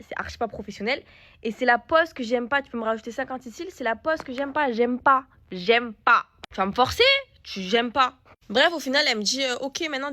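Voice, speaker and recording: A young woman telling a casual story-time vlog, animated and indignant, slipping into broken English. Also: a little high.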